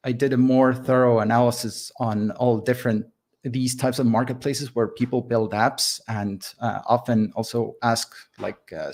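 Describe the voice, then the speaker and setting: A software founder from Estonia speaks as a podcast guest in a casual, hesitant interview, full of fillers and restarts. His medium-pitched voice is a little mellow, and his Estonian accent is light, softened by living abroad.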